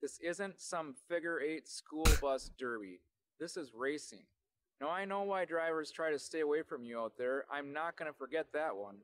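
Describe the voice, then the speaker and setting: Casting: male actor as a reproachful rival racer, slightly high voice, faint and noisy game audio. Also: lively intonation, moderate pace, close to an everyday voice. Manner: stern, reproachful. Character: annoyed rival male race driver in game message. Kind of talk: in-game video message.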